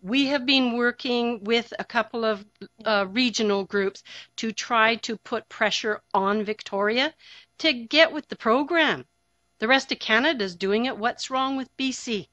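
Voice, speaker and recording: Woman with a bright, higher voice making a blunt point to council, muffled lo-fi sound. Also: measured pace, no room sound. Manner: forthright and wry. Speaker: community presenter. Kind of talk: presentation to city council. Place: council chamber. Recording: dull lo-fi audio.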